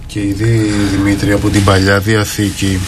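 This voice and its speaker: A man on a radio Bible discussion, explaining earnestly, often pausing with fillers and quoting scripture at length. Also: on the low side, completely flat delivery, noisy background. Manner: quotes scripture aloud at length.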